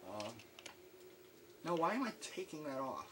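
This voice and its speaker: Guy doing a let's play, bouncy pitch, yells at monsters in fake panic, lots of noise behind. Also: sing-song, unhurried. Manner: jokey, panicky, yells at enemies. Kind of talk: gameplay commentary.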